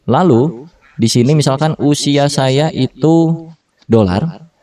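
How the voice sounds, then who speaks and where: This coding tutorial comes from a man in his thirties whose voice is on the high side and dark in tone, and he speaks at a slow pace. He uses casual Jakarta-style slang with fillers, frequently fixes himself mid-sentence, and is recorded from a distance.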